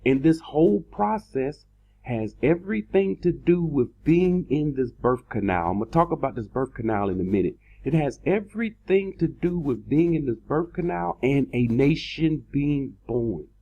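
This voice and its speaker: Emphatic preacher man, lively pitch. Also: vocal fry. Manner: emphatic, drawn-out words for stress, repeats phrases. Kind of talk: sermon-style scripture teaching. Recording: dull lo-fi recording.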